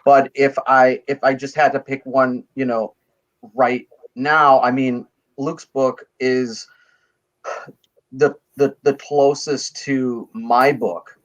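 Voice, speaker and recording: A man on a comics panel, talking in a measured, thoughtful way with many fillers. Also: medium pitch, level tone. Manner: measured, thoughtful, lots of "you know". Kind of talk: casual panel chat. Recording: dull lo-fi mic.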